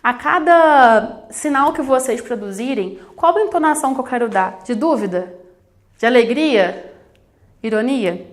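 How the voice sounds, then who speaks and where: A Brazilian woman with a fairly high, expressive voice speaks a little slowly as she teaches a recorded sign language lesson. She explains straight to the camera and addresses her students, filmed in a studio against a plain backdrop with a camera-facing studio mic.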